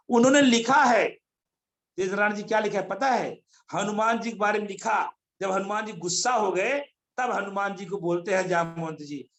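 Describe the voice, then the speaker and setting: Animated man giving a motivational talk. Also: high voice. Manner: animated, storytelling, addresses listeners by name. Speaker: motivational speaker. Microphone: video call.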